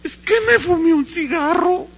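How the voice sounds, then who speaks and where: A man's voice: very high voice, moderate pace, fairly bright tone, pitched above the performer's own voice. A man acting out a timid eight-year-old boy, talking in a small, meek, pleading voice.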